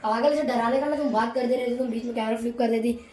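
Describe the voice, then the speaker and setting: A woman's voice: fairly high pitch, fairly even intonation, fast, darkish tone. A woman at home bantering playfully with the vlogger. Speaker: family member. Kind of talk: casual family banter. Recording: echoey room, faint noise.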